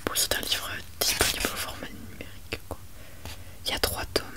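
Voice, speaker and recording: A woman presents books in a hushed ASMR library whisper, chatty and rambling with self-mocking asides. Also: fairly quick. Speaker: ASMR video creator.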